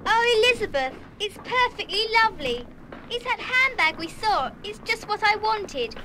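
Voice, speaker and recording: A woman's voice: very high-pitched, very animated, normal speed, noisy background. An actress playing a shy, sweet schoolgirl of about eleven in a children's radio play, speaking earnestly. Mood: delighted, touched. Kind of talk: 1970s full-cast children's radio play acting.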